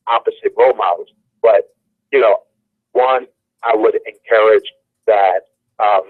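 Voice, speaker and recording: A man's voice: lowish voice, no room sound. An earnest man giving advice on a radio show, telling a personal story and repeating phrases for emphasis, heard over a telephone. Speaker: guest on a call-in radio show. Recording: tinny phone-line sound, dry.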